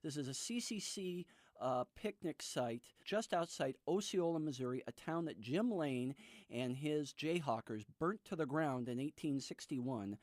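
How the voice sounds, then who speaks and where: A man's voice: fairly high pitch, expressive, unhurried, a little mellow, no room sound, studio quality. An American man speaking as an author guest in a radio interview, explaining things in an emphatic, storytelling way.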